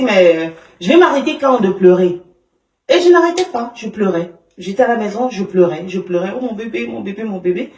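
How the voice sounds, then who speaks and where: A woman's voice: on the high side, a little mellow. Woman telling a personal story, roomy distant sound. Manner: emotional, halting storytelling with many fillers and restarts. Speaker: interview guest. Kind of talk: personal testimony in conversation.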